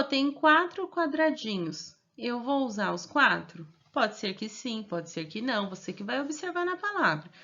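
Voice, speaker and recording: A woman's voice: fairly high pitch, a bit bright, highs cut off. A woman with a Brazilian accent, a primary school teacher who records class instructions and explains each step patiently, checking in often with her pupils. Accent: Brazilian Portuguese.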